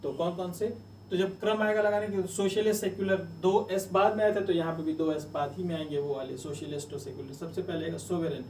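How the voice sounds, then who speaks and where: A male coaching teacher talks students through exam mnemonics, circling back and repeating each list many times. His voice sits a little high. The mic is some way off, leaving a roomy echo and a faint hum of ambience. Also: fairly even intonation, fairly quick, darkish tone, distant mic. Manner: chatty, repetitive drilling of mnemonics.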